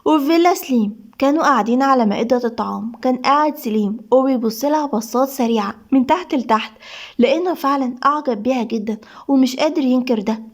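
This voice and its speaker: A woman's voice: high voice, fast talker. A woman with an Egyptian accent narrating a serialized drama story in a swift, dramatic way. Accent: Egyptian Arabic.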